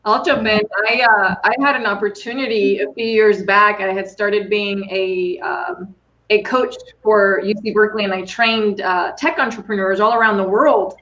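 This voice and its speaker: A woman who works as a coach and keynote speaker, telling an enthusiastic, animated story during a podcast conversation. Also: medium pitch, normal speed, highs cut off.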